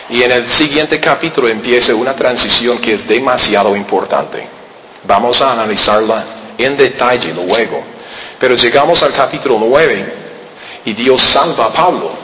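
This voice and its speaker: A man preaching a Bible-teaching sermon, emphatic, often pointing listeners to the text and dropping to low, quiet urging. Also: animated, normal speed. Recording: roomy hall with long reverb, faint noise.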